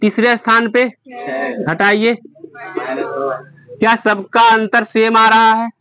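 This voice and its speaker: A man's voice: high-pitched, flat delivery, slow, a crowd in the background. A man teaching a math lesson to a class, explaining step by step and quizzing his students.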